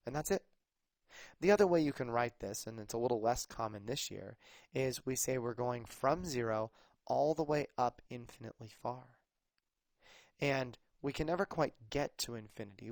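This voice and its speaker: A man's voice: mid-range voice, vocal fry, no room sound. A man teaching a math lesson, explaining patiently in a conversational way with some fillers. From United States. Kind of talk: recorded classroom lesson.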